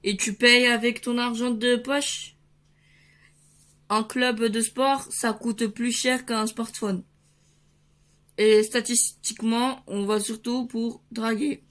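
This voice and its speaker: A woman reading a comic book aloud at an unhurried pace, switching between the characters and adding playful sound effects. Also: a little high, steady tone, a bit bright.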